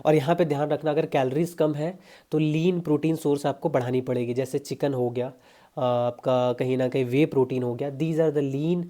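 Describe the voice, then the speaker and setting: Young male fitness vlogger, warm mellow voice, chatty and salesy. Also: medium pitch, steady tone, normal speed. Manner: chatty, pushy, addresses viewers as brother. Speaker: fitness coach. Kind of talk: casual diet advice vlog.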